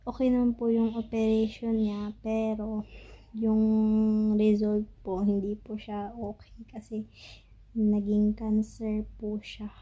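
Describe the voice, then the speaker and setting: Filipina vlogger, young woman, flat and very mellow delivery, halting speech, slightly dull audio. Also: mid-range voice. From Philippines. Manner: halting, searching for words, tearful at times. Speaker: family vlogger. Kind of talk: emotional story-time monologue. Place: home in Pakistan.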